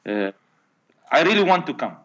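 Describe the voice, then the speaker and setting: A man talks in a relaxed, casual way. He hesitates a lot and stops to find his words. The recording is muffled and lo-fi. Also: fairly high pitch. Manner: hesitant, halting speech full of pauses and uh. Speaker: guest, helicopter pilot. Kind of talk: casual chat.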